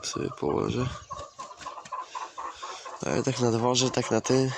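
A man's voice: medium pitch, flat delivery, takes it slowly. Chatty man filming his hens outdoors. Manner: chatty, swears casually, coaxes and scolds his hens. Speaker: poultry keeper vlogger. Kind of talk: casual outdoor vlog. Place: outdoor farmyard with chickens. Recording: outdoor camera audio, clear farmyard noise. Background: clucking hens and a crowing rooster.

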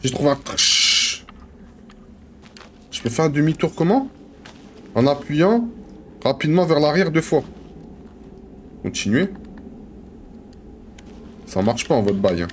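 A man streaming a video game, commenting in an excitable, slangy, joking way and talking to his viewers. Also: on the high side, a little slow, pauses often, a little hiss or hum. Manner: jumps to excited yelps. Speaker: gaming streamer. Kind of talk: excitable let's-play commentary.

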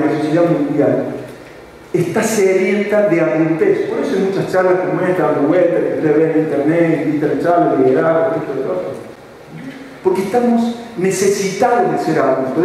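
A man's voice: high-pitched, a little mellow, slight background noise. A middle-aged man with an Argentine accent giving a leadership talk at a conference, telling stories and acting out the dialogue. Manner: storytelling, acts out dialogues. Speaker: conference speaker. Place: large conference hall. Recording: echoey hall from far off.

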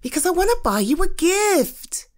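In a very high-pitched voice at normal speed, a woman from the United Kingdom performs a one-sided roleplay as a cute, coaxing girlfriend addressing her partner. The character is playful, eager and quick to get flustered, and the delivery is giggly and expressive.

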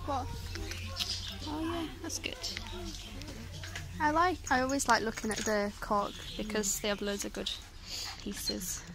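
A woman's voice: mid-range voice, fairly even intonation, unhurried, long pauses. A young woman chatting casually and cooing at animals while filming in a pet shop. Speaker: vlogger. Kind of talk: casual chat while shopping. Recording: loud shop ambience.

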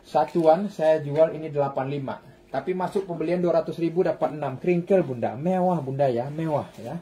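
A man in his thirties, recorded on a phone in a shop, sells clothes in a live-streamed sales pitch full of repeated hawker-like calls. His voice is warm and on the high side, and he speaks briskly.

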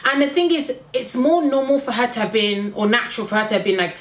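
A woman's voice: on the high side, lively intonation, quick pace. Blunt woman with an echoey sound. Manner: blunt, opinionated, exasperated asides. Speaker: reality TV reviewer. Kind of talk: casual recap commentary. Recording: echoey room.

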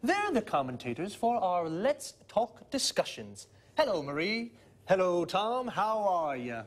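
A man playing a friendly TV presenter introduces guests in a studio-style English lesson. He speaks slowly and very clearly, with lively, rising and falling pitch. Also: heavily acted. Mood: cheerful. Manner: slow, clear, lively intonation. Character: friendly male TV presenter Eric. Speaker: TV presenter in a language course. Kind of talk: scripted beginner English lesson dialogue.

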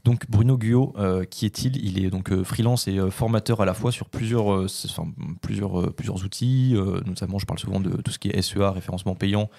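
Man, low pitch, creaky, casual podcast talk, many fillers. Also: a little fast, few pauses, warm tone, no room sound, studio quality. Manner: rambling, many filler words. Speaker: podcast co-host.

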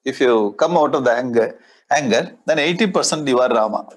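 In his sixties, a spiritual teacher with a South Indian accent and a husky, mid-range voice lectures on Sanskrit scripture in a brisk, expressive, conversational way. He often repeats phrases and explains ideas through everyday examples. He is recorded on a lapel mic in an indoor studio, standing before a display board.

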